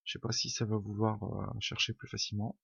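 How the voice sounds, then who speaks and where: A man's voice: on the low side, level tone, a little fast, gravelly, bright, forceful tone, slightly rough, no echo. A man giving an unscripted coding tutorial over a screen recording, thinking aloud with many fillers and an informal, self-deprecating way of talking. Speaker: programming tutor. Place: home room. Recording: dull lo-fi home mic, dry.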